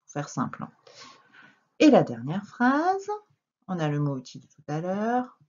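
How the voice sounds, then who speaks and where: A woman teaching French children to read, dictating words slowly syllable by syllable with lively emphasis. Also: on the low side. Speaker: primary school teacher. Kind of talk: reading lesson for young children. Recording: dull lo-fi recording.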